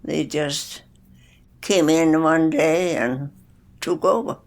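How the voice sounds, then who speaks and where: A woman's voice: sits low, fairly even intonation, takes it slowly, a little hiss or hum. A hundred-year-old woman from Denmark, plainly recalling her life in a documentary interview. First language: Danish. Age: 100s. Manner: plainspoken, matter-of-fact reminiscing.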